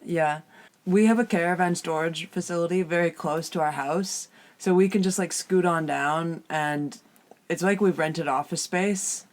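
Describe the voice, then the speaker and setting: A Canadian woman in her thirties with a slightly husky voice, chatting casually as a podcast co-host inside a small, soft-furnished caravan. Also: fairly low pitch, unhurried. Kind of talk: casual conversational podcast chat.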